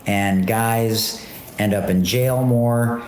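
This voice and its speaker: A man's voice: fairly low pitch, steady tone, extremely slow, a little mellow, a little hiss or hum. A man hosting a casual livestream from a home art studio and kitchen area, talking in a laid-back, rambling way with many fillers, his voice carrying a strong room echo. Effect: echoey room reverb on the voice. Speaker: podcast host and online shop seller. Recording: echoey room with faint background ambience.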